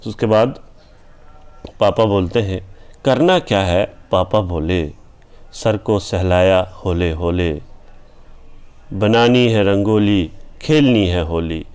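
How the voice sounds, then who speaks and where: Indian man, channel host, deep unhurried voice; rhythmic verse recitation with repeated refrains and plain chat between. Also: darkish tone, clear, resonant tone. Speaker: channel host reciting his own poem. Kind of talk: poetry recitation with spoken commentary.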